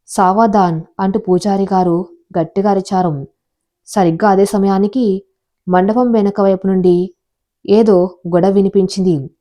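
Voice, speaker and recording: Woman, story narrator, mellow tone, steady measured reading. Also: medium pitch.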